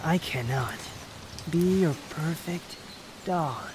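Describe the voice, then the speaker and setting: A man playing a prideful, sharp-tongued puppet wanderer with a secret fondness, speaking to the listener in a roleplay audio drama, haughty and unhurried. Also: fairly high pitch, expressive, noisy background. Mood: wry, confessing.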